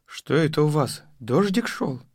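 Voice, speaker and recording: A mild, puzzled father, as a woman reading a storybook lowers her voice. He speaks low and unhurried. The sound is close and dry. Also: expressive, a little mellow, breathy edge, no room sound, full character voice.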